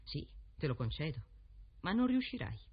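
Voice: medium pitch, sing-song, moderate pace, slightly rough, lo-fi sound. A storyteller voicing a proud, haughty young princess in a fairy tale, cool and commanding.

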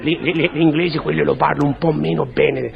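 A man playing a stammering gravelly bumbler. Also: a little high, steady tone. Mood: muddled. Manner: halting, mixes up words, repeats syllables. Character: bumbling middle-aged man mangling words, stammering. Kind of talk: radio comedy sketch. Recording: dull lo-fi recording with audience laughter.

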